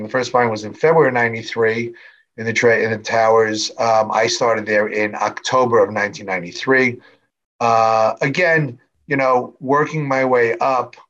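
A middle-aged man telling an audience his own story in a chatty, unpolished way, full of fillers and restarts. His voice sits at a medium pitch and carries a dry, wry humor. The recording sounds a little dull and muffled. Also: a bit bright. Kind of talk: personal storytelling talk.

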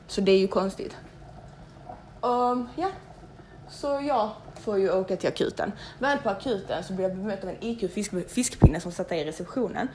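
A young woman telling a story in casual, animated speech, swearing freely and acting out the people she quotes. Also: medium pitch, slight background noise.

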